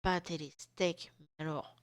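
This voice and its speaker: A vlogger in her thirties talks casually at home in an unhurried, low-pitched voice with fairly even intonation, poking fun at herself in slangy chat. Leftover soreness from a cold makes her cough now and then. It's studio-quality audio with no echo.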